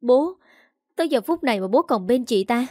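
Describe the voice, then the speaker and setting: A woman voicing an angry young sister-in-law who hurls fast, accusing words. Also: on the high side, animated, darkish tone, no echo, studio quality.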